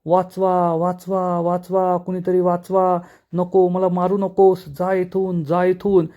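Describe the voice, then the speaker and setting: A man's voice: sits high, completely flat delivery, slow pace, dull audio. A man voicing a frightened, ruthless woman boss in a retold serial scene, with panicked, repeated cries. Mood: terrified.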